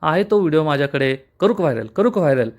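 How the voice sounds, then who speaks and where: A man's voice: a little high, animated, quick pace, lightly acted. Man retelling as a gloating jailed crook. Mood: taunting. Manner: taunting, mocking. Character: boastful scheming jailed male crook, gloating. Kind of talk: retelling a TV serial episode.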